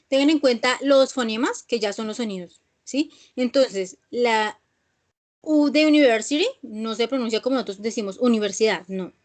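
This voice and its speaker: A woman's fairly high voice carries an English grammar lesson. She goes over each rule patiently, repeating herself and checking that the class follows. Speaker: English teacher. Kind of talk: online class explanation.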